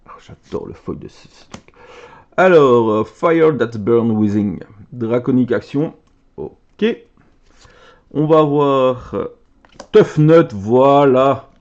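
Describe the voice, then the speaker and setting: A man from Belgium chatting casually as he opens trading cards, excitable and chatty, reading card names aloud. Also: mid-range voice, takes it slowly, pauses often, muffled recording. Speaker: card game content creator. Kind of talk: casual card-opening commentary.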